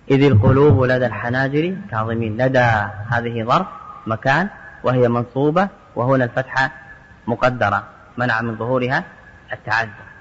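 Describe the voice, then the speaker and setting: A man teaching Arabic grammar, reading examples aloud and parsing each word in a steady, methodical way. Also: medium pitch. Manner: methodical, quotes verse examples then parses each word. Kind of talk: explaining a grammar text line by line. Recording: dull lo-fi audio with long hall reverb.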